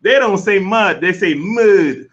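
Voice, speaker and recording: A man from Trinidad, a guest on a live talk show, tells jokes and comic stories in casual chat, laughing often and saying "you know" a lot. His voice sits high, expressive and slow, with a fairly bright tone. The livestream audio is dull and lo-fi.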